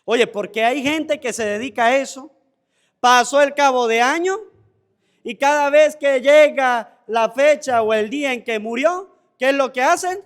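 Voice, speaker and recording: Venezuelan priest, high voice, preachy homily, keeps repeating himself for emphasis. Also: male voice, unhurried. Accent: Venezuelan Spanish. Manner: rhetorical questions answered himself. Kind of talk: homily at mass.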